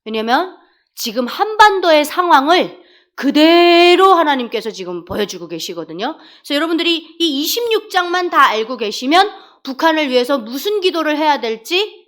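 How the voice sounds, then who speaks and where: A woman's voice: sits high, very animated, normal speed, a bit bright. A woman from Korea, speaking, preaches a sermon as a deaconess. She tells stories, acts out dialogues and asks the congregation questions. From North Korea.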